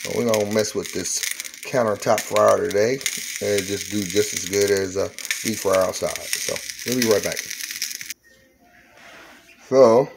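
A man's voice: lowish voice, measured pace, vocal fry, pauses often, background noise. A man, chatting playfully through a casual home cooking vlog in his kitchen. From Southern United States. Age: 40s. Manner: playful, repetitive exclamations. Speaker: home cook, channel host. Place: home kitchen with countertop fryer.

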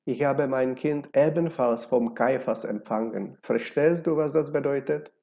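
A man's voice: mid-range voice, measured pace, creaky, dark tone. A man voicing an older married, pregnant woman in a read-aloud novel, imploring and urgent. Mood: anxious. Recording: dull lo-fi recording.

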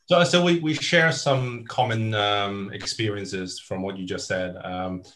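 A young man who grew up in the United Kingdom, hosting a podcast over a video call from a home office, encouraging his guest and pausing often with "um". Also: fairly low pitch, slight background noise. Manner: warm, encouraging, halting with "um". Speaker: podcast host. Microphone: video call webcam.

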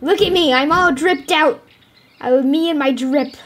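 A woman giving playful, excitable commentary while playing a game, squealing and yelping whenever things go wrong. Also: sits high, a little slow, slight background noise. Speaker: gameplay streamer.

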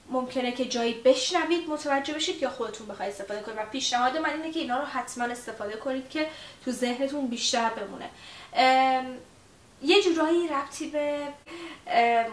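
Chatty woman teacher, roomy and distant. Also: high voice. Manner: chatty, with many fillers, repeats example phrases slowly. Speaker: English teacher. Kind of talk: casual language lesson. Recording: roomy echo, distant mic, faint hiss.

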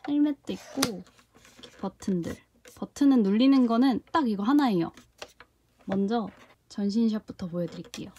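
A woman's voice: medium pitch, normal speed, long pauses, slight background noise. A young woman reviewing a toy container in a casual unboxing vlog, often gasping and exclaiming in delight as she handles it. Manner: excited gasps and exclamations while handling the product.

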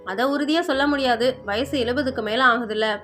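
A woman voicing a brisk, businesslike male doctor. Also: sits high, a bit bright, soft background music. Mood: matter-of-fact. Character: man, a hospital doctor, brisk and matter-of-fact.

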